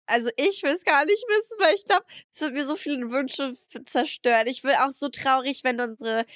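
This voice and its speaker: A woman's voice: sits high, moderate pace, dry recording, studio quality. A young woman co-hosting a podcast, chatting casually and telling stories with animation, acting out what others said. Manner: animated storytelling, acts out what people said. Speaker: podcast co-host. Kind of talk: casual chat.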